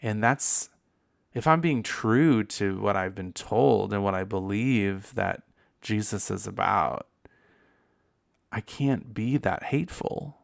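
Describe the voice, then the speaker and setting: This podcast host delivers a casual solo monologue, candid, profane and campy, with laughing asides. His voice is lowish and creaky, and he takes his time.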